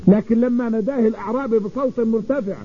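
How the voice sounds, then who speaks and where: A husky-voiced male preacher tells a story in a sermon and leans on repetition to drive his points home. His voice sits high for a man, and it comes through a thin, phone-like radio broadcast. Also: fast talker. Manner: repeats phrases for emphasis.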